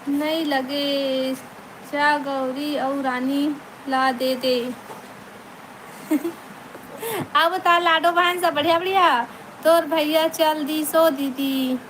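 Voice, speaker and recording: Speaking slowly in a high, steady voice, a Chhattisgarhi woman from India hosts a relaxed live stream on her phone mic. She laughs a lot and welcomes viewers by name, with plenty of noise in the background.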